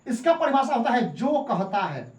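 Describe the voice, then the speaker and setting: A woman's voice: fairly high pitch, big pitch swings, normal speed, darkish tone. Lady teacher, bouncy up-down voice, keeps repeating stuff n quizzing then answering, echoey room. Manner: repeats points and asks rhetorical questions, then answers them. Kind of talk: classroom-style lesson.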